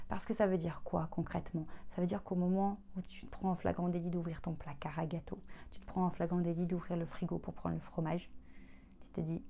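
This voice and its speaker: A woman coach giving a chatty motivational self-help talk, expressive and acting out inner dialogues. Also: on the low side, fairly quick, vocal fry, slight background noise. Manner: frequent fillers and restarts, chatty. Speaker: coach for women.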